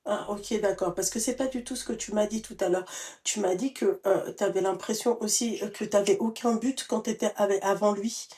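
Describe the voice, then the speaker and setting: A woman hosting a live stream, giving blunt, familiar advice to a caller, full of endearments and animated outbursts. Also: medium pitch, moderate pace. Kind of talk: casual live advice chat.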